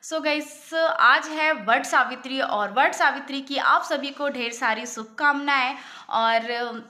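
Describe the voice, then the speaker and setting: A woman's voice: sits high, slow pace, sharp tone. A woman vlogging in casual, chatty Hindi mixed with English words, upset and close to tears as she talks to her viewers. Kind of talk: casual vlog talk to camera.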